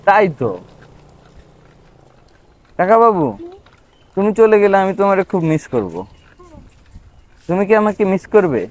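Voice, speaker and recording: A man talking gently and playfully with his young nephew during a bike ride outdoors. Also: high-pitched, sing-song, slow pace, long pauses, no room sound. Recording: dull lo-fi outdoor sound.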